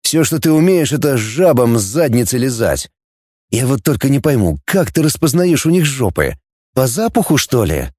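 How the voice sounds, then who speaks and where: Man doing a gruff sneering fleet commander. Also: mid-range voice, sing-song, moderate pace, dark tone, no echo, studio quality. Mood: commanding. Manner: barking orders, sneering.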